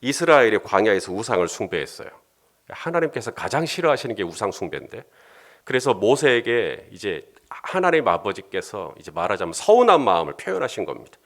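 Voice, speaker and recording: A male pastor preaching a sermon in an animated way, often acting out bits of dialogue. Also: on the low side, brisk.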